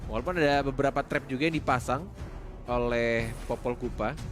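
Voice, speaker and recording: A man's voice: mid-range voice, a little fast. A man giving conversational, analytical live game commentary as a match announcer. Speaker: esports shoutcaster, analyst. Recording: music behind the voice. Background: music.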